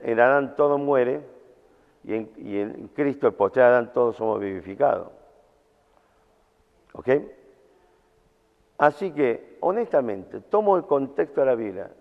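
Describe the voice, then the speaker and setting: A man with a Rioplatense accent preaching a camp sermon in a colloquial, storytelling way. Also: medium pitch. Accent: Rioplatense Spanish. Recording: tinny sound in a reverberant hall.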